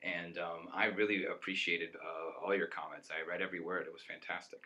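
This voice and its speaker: Young adult male co-host, enthusiastic rambler, very bright tone. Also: low-pitched, flat delivery, fairly quick. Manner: rambling, enthusiastic, laughs often. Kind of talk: casual chat.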